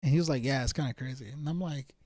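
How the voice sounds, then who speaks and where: Talking quickly in a medium-pitched, somewhat dark voice, this thirty-ish streamer chats loosely with his audience. He rambles, uses lots of slang, and keeps circling back over the same points. The recording has no room sound.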